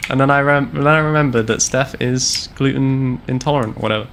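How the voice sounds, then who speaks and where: A man's voice: mid-range voice, a little fast, a bit bright, a little hiss or hum. Playful young British-sounding man. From Canada. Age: 20s. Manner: playful, teasing, laughs often. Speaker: streamer host. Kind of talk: casual gaming chat.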